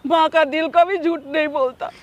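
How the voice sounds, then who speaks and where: A woman's voice: high voice, steady tone, moderate pace, natural voice. A woman acting as a middle-aged mother in a drama skit, crying as she keeps repeating her questions to her son. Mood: tearful. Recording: dull lo-fi sound.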